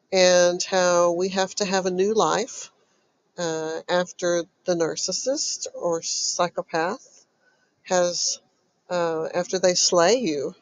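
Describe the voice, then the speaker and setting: Slow-paced, stuffy-voiced woman coach. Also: fairly low pitch, dry recording, rough recording. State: stuffy, recovering from covid. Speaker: host and recovery coach. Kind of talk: motivational self-help talk to listeners.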